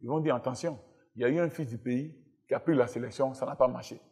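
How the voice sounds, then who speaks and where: A man's voice: mid-range voice, fast, mellow, breathy edge. A man of thirty-five from Burkina Faso, a football player and talk show guest, speaking emphatically and repeating himself to make his point. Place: television studio with live audience.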